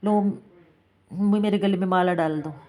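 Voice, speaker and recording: Woman quoting a gentle young boy god. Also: on the low side, fairly even intonation, measured pace, close to an everyday voice. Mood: pleading. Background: instrumental music.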